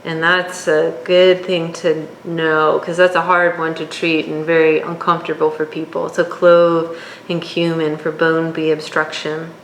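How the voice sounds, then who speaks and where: A woman teaching a course, working through her notes at an unhurried pace with occasional fillers. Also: deep voice, monotone. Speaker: instructor. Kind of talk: lecture on herbal oils. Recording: echoey room, faint background hum.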